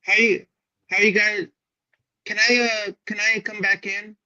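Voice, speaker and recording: A man with a high, piercingly bright voice calls in over a faulty remote mic. His sound is hollow and echoing, as if he were speaking from inside a tunnel, and it drops in and out. The audio is muffled and dull, while he talks in a casual, easygoing way. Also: little pitch movement, unhurried. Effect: hollow, tunnel-like echo that cuts in and out. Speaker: guest joining a sports podcast remotely. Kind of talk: casual chat. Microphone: faulty remote mic on a call.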